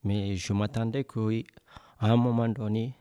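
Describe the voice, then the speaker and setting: A man's voice: fairly low pitch, level tone, moderate pace, dark tone, clean tone, no room sound, clean studio sound. A young man from West Africa telling a personal story in a casual, conversational way, acting out the dialogue.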